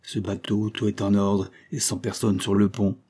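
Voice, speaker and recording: A man voicing a gruff, bold old sea captain who barks orders in rough sailor slang. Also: on the low side, little pitch movement, normal speed, dark tone. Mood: gruff, bossy.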